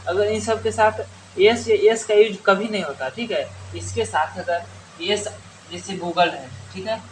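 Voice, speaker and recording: Male tutor with a high voice, asks and answers himself, faint hiss behind. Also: unhurried, poor audio. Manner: repeats questions and answers them himself; many restarts and fillers. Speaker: teacher. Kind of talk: Hindi grammar lesson.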